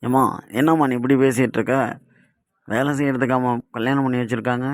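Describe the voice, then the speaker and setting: A man's voice: medium pitch, fairly even intonation, fast talker, no room sound, studio quality, natural voice. A man voicing a young husband in a cartoon comedy who reasons with his mother and mildly scolds her. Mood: reasoning. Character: young husband and son, calm peacemaker who teases.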